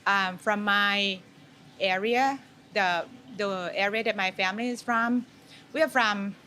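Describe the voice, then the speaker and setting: On an indoor farm surrounded by herbs and flowers, a Thai food maker is a guest in a casual, candid interview. Her mid-range voice is steady, unhurried, bright and forceful, carrying a Thai accent, with background noise clearly present.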